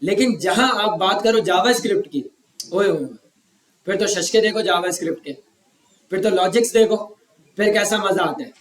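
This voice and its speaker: A man's voice: high-pitched, normal speed, reverberant, far from the mic, low-quality recording. A man from Pakistan with a sore throat, lecturing a class on web design and teasing students to answer whether they follow. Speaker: web development instructor.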